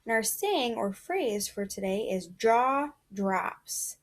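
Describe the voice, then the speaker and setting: A woman's voice: a little high, lively intonation, slow pace. A woman teaching a reading lesson to young children in an encouraging, sing-song classroom manner.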